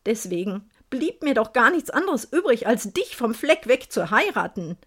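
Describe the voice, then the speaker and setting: A woman's voice: a little high, big pitch swings, normal speed, husky. A woman voicing a cheerful, boastful young husband with a jaunty, teasing manner. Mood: earnest.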